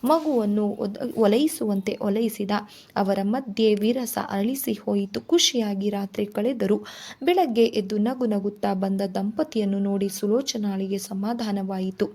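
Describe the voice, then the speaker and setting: A woman storyteller reading a novel aloud in a steady, expressive way. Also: medium pitch, a little slow.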